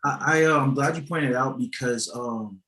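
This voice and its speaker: A man's voice: medium pitch, moderate pace, bright, forceful tone, low-quality recording. Laid-back young male podcast host. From Alaska. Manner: laid-back, hesitant, repeats words. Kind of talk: casual interview.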